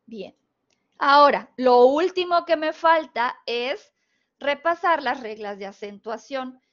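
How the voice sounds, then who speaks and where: A woman with a northern Mexican Spanish accent teaching a spelling lesson, patiently explaining rules step by step and checking in with her students. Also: sits high. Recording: dull, lo-fi recording.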